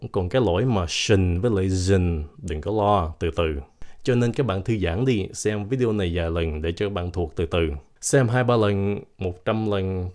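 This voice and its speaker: A young man teaches English pronunciation in a relaxed, chatty video lesson. His voice sits fairly low, and he jokes and reassures his viewers, stretching example words out slowly and clearly.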